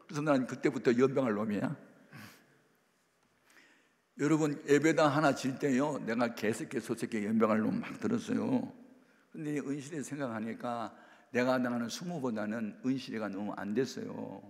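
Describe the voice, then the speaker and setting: A man preaching a storytelling sermon, his voice rough with gravelly fry. He brings the story to life by playing its people, and a long reverb follows him around the church hall. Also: mid-range voice, normal speed. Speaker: pastor.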